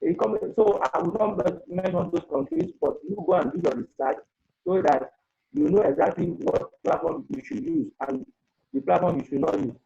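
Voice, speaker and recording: A man's voice: high-pitched, very animated, normal speed, creaky, dark tone, breathy edge, dull audio. A man speaking earnestly as a webinar panelist over an online conference call with an earphone mic, the audio breaking up. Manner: earnest, advising, repeats himself. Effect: heard over a breaking online conference call. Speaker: webinar panelist on data protection. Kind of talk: advisory talk on a video call.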